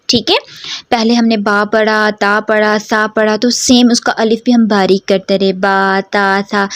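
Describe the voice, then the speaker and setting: Teaching how to pronounce Quran letters, a woman with a medium-pitched voice proceeds slowly and carefully: she breaks each step down, questions her students, and stretches out model sounds for them to echo back. No room sound is audible.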